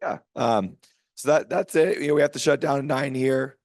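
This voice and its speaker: A hoarse, sleep-deprived man closing a conference as emcee, rambling and gratefully thanking the speakers and crew. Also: medium pitch, moderate pace, a little mellow, no room sound, studio quality. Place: hotel conference room.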